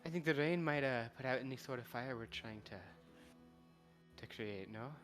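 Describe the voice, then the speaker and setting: A man's voice: medium pitch, normal speed, fairly bright tone, soft background music, close to an everyday voice. A man voicing a woman adventurer in a tabletop game, speaking hesitantly with many fillers. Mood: questioning.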